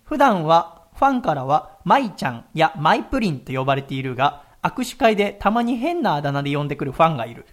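Fast, teasing male radio host. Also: on the high side, very animated. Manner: teasing, jokey, fast-talking. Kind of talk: casual radio chat.

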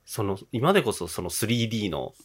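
A young man with a Kansai accent, co-hosting a casual chat, talking eagerly in quick bursts with soft replies between. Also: lowish voice, very animated, breathy edge. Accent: Kansai Japanese.

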